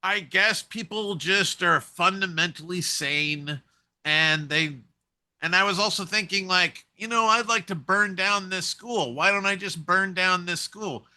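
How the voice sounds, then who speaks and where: A man talking in a casual conversation, musing and telling stories with animated energy. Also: high voice, unhurried. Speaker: co-host.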